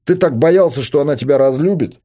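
A man reading a novel aloud, voicing a provocative adult son who needles and shouts at his father. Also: on the high side, brisk, voice pushed up, lightly acted. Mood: needling. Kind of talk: audiobook character voice.

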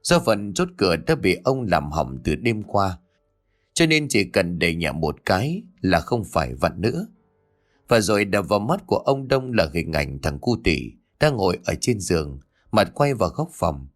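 A man narrating a ghost story audiobook with expressive storytelling. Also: low-pitched, normal speed, faint music behind.

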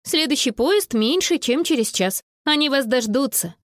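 A woman's voice: sits high, animated, normal speed, no echo, clean studio sound, voice pushed up. A woman voicing a kind, easygoing young woman who reassures a child, in a storybook reading. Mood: friendly.

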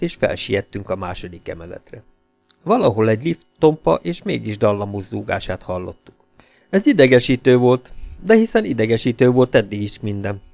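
Gravelly male audiobook narrator. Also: mid-range voice, no room sound. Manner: steady storytelling narration. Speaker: audiobook reader.

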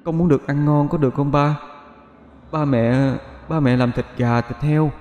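A man voicing the homesick ghost of a dead young son, pleading softly. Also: on the high side, steady tone, moderate pace, roomy sound, in a large hall, dull audio, voice pushed up, natural voice.

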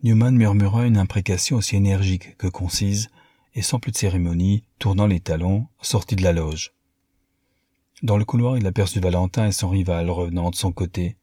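A man narrates a classic novel in a measured, literary way. His voice is very low and husky, with a dark, mellow tone. The recording is dry and close. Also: no echo.

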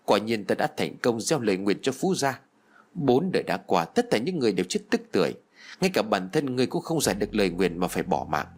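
A man's voice: fairly low pitch, big pitch swings, fast talker. Man voicing a vengeful woman ghost. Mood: accusing. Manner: cold accusing speech. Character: vengeful female ghost, cursing her killers.

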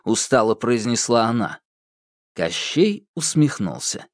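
A man narrating a fairy tale audiobook, expressive and acting out voices. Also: medium pitch, measured pace, dry recording, clean studio sound. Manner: expressive storytelling, acts out voices.

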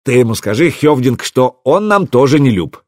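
A man's voice: medium pitch, big pitch swings, normal speed, no echo, clean studio sound. A man voicing a coarse, jovial Norse warrior in an audiobook, crude and mocking. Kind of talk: audiobook character reading.

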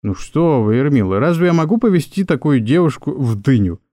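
A man's voice: a little high, expressive, brisk, mellow, dry recording, studio quality, lightly acted. A man voicing a tipsy, swaggering male office clerk who talks in a cocky, mock-tough way. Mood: smooth.

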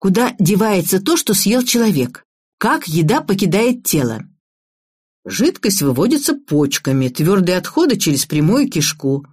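A woman's voice: mid-range voice, big pitch swings, normal speed, darkish tone, slightly rough. A woman voicing a brusque, sarcastic young man who talks in short, curt phrases.

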